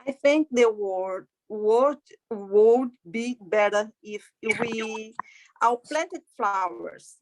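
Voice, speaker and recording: A woman speaks slowly, in simple and careful phrases. Her voice is fairly high, and faint noise sits behind it. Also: poor audio. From Brazil. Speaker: adult English learner.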